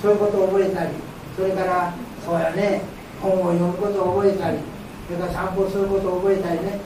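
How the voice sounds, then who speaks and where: A woman's voice: mid-range voice, level tone, fast. An older woman gives an informal talk to a group, explaining patiently in short phrases. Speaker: guest speaker who is blind, answering questions. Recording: very echoey room, distant mic, faint noise.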